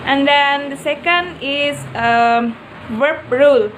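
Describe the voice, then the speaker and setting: A young woman with a high voice presents a lesson slowly, her first language Indonesian. She pauses often with "uh" between points. A faint hiss of background noise sits under the recording. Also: a bit bright, poor audio. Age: young adult. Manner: hesitant, many "uh" fillers. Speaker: student presenter. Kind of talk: class video presentation.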